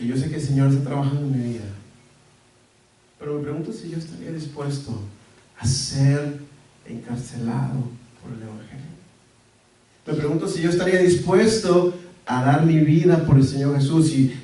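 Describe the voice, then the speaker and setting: A male pastor preaching a sermon in a church, earnest, with soft pauses and sudden emphatic rises. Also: on the high side. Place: church sanctuary. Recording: echoey church hall, mic at a distance.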